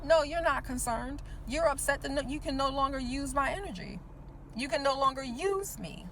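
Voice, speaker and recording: Her voice sits high with a fairly bright tone, moving at normal speed over a little hiss or hum. A teacher and motivational speaker in her forties, she gives the viewer a casual motivational monologue, frequently saying "right?" and repeating words for emphasis.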